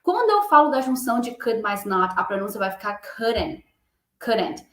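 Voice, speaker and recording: A woman teaching English pronunciation in a casual online lesson, chatting and slowly repeating example words. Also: medium pitch, big pitch swings, fairly bright tone, echoey room.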